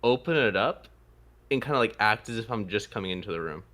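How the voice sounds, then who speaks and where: Man, tabletop player, hesitant, fillers, lowish voice. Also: expressive, quick pace, bright, forceful tone. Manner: hesitant, many fillers and restarts. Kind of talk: casual tabletop game talk.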